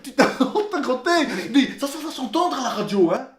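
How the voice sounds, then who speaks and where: Fast-talking excitable Belgian man. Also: very high-pitched, roomy sound, slight background noise. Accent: Belgian French. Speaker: comedy video creator. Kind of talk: comic sketch, bickering brothers.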